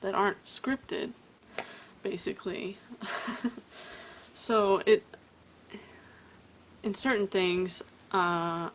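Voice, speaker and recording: This woman speaks extremely slowly in a mid-range voice, pausing often, with a slight hiss or hum behind her. Tired, she vlogs casually to her camera indoors at home, stuttering and halting mid-sentence as she thinks.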